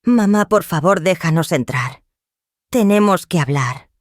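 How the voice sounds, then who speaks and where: A woman's voice: lowish voice, lively intonation, a little slow, no echo, clean studio sound. A woman voicing a desperate grown son who pleads with his mother, near tears. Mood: pleading.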